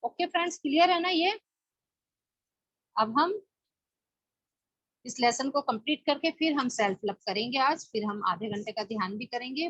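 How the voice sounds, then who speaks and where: Coaching woman with a husky voice. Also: a little high, fairly bright tone, no echo, highs cut off. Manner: coaxing, repeats instructions, addresses listeners as friends. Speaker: meditation and self-help teacher. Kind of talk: guided self-help class.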